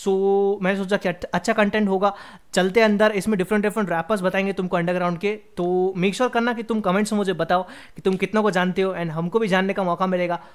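A man's voice: high voice, fairly even intonation, quick pace, smooth. A young man hosting a music reaction video, chatting casually and energetically while mixing in English phrases.

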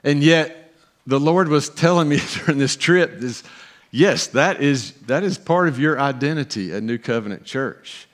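With a mid-range voice, a middle-aged pastor preaches animatedly from the church stage. He leans on pauses and builds to emphatic rises.

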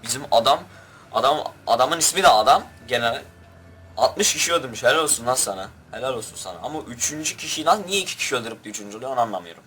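A man's voice: mid-range voice, animated, fast, bright, forceful tone, slight background noise. A young man giving rowdy, crude commentary over his own gameplay and barking orders at his troops. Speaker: gaming youtuber.

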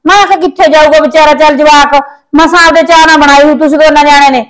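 An actress playing an elderly, thrifty, soft-hearted mother-in-law in a village family drama, speaking in a fond, coaxing way. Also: sits high, fairly even intonation, fast talker, lightly acted, rough recording. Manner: fond, coaxing, calls others child.

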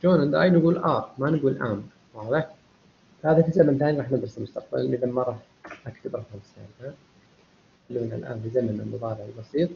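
A man's voice: medium pitch, steady tone, very fast, gravelly, a little hiss or hum. A man teaching a university English class in a live online lecture. He explains step by step, checks often whether the students follow, and mixes Arabic explanation with English examples. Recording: dull lo-fi online lecture audio.

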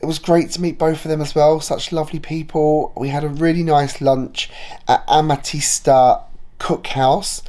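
A man with a slightly hoarse voice from a cold, narrating a travel vlog in a chatty, rambling way with frequent fillers. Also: a little high, little pitch movement, moderate pace, warm tone. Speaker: travel vlogger.

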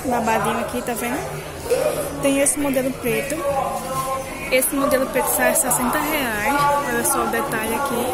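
A woman chatting through a shopping vlog at a market stall, recorded on a handheld phone and constantly checking in with viewers. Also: on the high side. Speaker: vlogger showing wholesale suppliers. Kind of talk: casual shopping vlog walkthrough. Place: indoor clothing market stall. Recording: loud market crowd and music.

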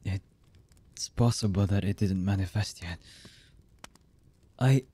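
Stunned disbelief colors the mellow, husky, low voice of a voice actor portraying a cold, embittered male villain in ASMR roleplay. He sounds menacing, his halting speech often falling to a murmur.

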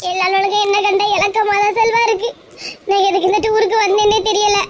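A woman's voice: very high-pitched, level tone, quick pace. A woman with a Kanyakumari Tamil accent playing an anxious, tearful young woman in a comedy skit. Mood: upset. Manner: tearful, fretting.

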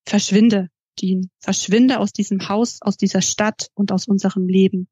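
A woman's voice: mid-range voice, steady tone, moderate pace, dark tone, husky, no echo, natural voice. A woman voicing an embittered younger brother, a man who speaks in curt, hostile snaps.

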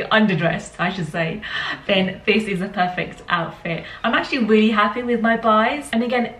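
A young woman with a Yorkshire accent talks casually about her clothing purchases, chatty and easygoing. Her voice sits at an ordinary pitch and is picked up from a step back in a roomy home space. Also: fairly bright tone. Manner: chatty, with light laughs and small restarts. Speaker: fashion vlogger. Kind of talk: casual try-on haul talk. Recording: roomy, slightly distant home recording.

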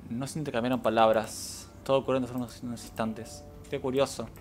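A man's voice: medium pitch, little pitch movement, fairly quick, a little mellow, faint music behind. Casual man streaming a game. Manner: casual, swears a lot, switches into English, sarcastic asides. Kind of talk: gameplay commentary and reading game text aloud.

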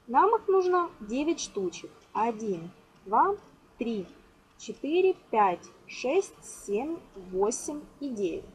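This craft tutorial host has a fairly high, sing-song voice and takes her time, patiently instructing at an indoor table with counting and affectionate diminutives. The informal lesson was captured in poor audio at home, with clear background noise.

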